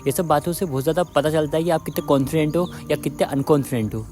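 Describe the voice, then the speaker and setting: Fast-talking man giving dating advice. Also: fairly high pitch, mellow, faint music behind. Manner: repetitive, addresses viewers as friends. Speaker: dating advice video host. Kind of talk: direct-to-viewer advice talk.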